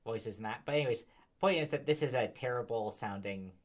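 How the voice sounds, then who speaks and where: A man speaks at his microphone in loose, rambling commentary, sighing and full of fillers like "like" and "you know". His voice sits at a middling pitch. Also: a little fast. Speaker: commentary host. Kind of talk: exasperated casual commentary. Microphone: desk microphone.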